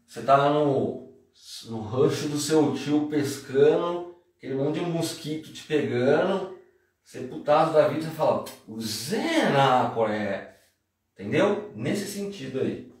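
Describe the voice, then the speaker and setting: A man's voice: fairly high pitch, measured pace, a little mellow. A man giving a casual, slangy, jokey Japanese lesson on a live stream. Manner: chatty, slangy, jokey explanations. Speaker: Japanese teacher. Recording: very echoey room, distant mic.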